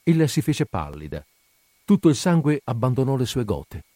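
A man reading a classic short story aloud as narrator, in measured storytelling. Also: mid-range voice, sing-song, mellow, no room sound. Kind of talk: literary audiobook reading.

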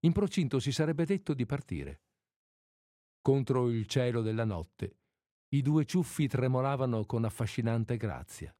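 Casting: male reader, expressive storytelling, lively pitch, dry close recording. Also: unhurried, no room sound. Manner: expressive, dramatic narration. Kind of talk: literary reading aloud.

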